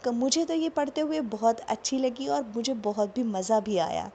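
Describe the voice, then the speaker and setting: Woman, storyteller, expressive emotive reading, slightly high voice. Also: normal speed, slight background noise. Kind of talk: storytelling narration.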